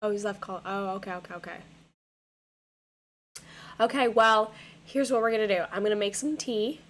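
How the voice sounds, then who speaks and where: A young woman streamer with a hoarse, worn-out voice chats casually with viewers from her home setup, rambling and repeating herself with lots of fillers. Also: medium pitch, moderate pace. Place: home gaming room.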